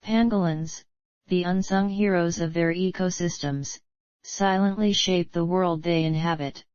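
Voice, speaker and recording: A woman reading scripted nature documentary narration in a measured, earnest, formal way. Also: fairly low pitch, fairly even intonation, darkish tone, no echo, dull audio.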